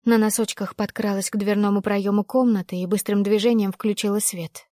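A woman reading a first-person story aloud as an audiobook narrator, in a steady, measured storytelling manner. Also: medium pitch, no echo, studio quality.

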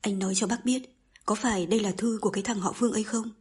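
A woman's voice: medium pitch, fairly even intonation, very fast, breathy edge. Woman reading as a stern old mother. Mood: insistent. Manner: scolding, pushy. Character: stern, scheming old mother who cannot read.

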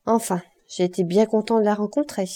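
A woman voicing a smug, jovial man who boasts and gossips in an audiobook, with a raised, louder voice. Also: medium pitch, fairly even intonation, brisk, lightly acted. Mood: gossiping.

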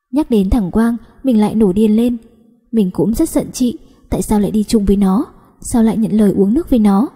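A woman reads a first-person story aloud in a very dark, mellow voice with a husky, breathy edge. She tells it softly and without hurry, and a long reverb trails each phrase. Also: mid-range voice. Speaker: audiobook reader.

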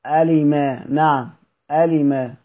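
A man with an Egyptian Arabic accent teaching Quran recitation in a recorded lesson. He asks questions, answers them himself and draws out example words slowly. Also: on the high side, fairly even intonation, lo-fi sound.

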